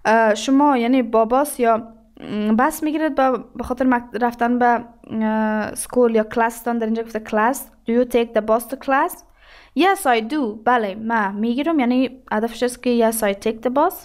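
A woman with an Afghan Dari accent teaching a lesson. She reads example sentences slowly and deliberately, then explains them quickly. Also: a little high, darkish tone. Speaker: English teacher.

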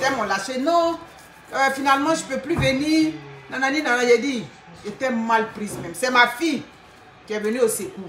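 A middle-aged woman talks straight to her livestream viewers, pleading and repeating herself in a slightly high voice. She sits some distance from the phone in an echoey room, with a faint hiss under her voice. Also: fairly bright tone. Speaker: livestream host recruiting workers. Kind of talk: casual livestream chat. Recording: echoey room, voice away from mic, faint noise.

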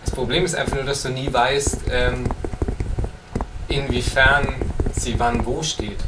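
A man's voice: medium pitch, little pitch movement, a little slow. A young man co-hosting a horror game let's play, casual and teasing in his commentary. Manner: joking, teasing, bantering. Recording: roomy, distant mic with background noise.

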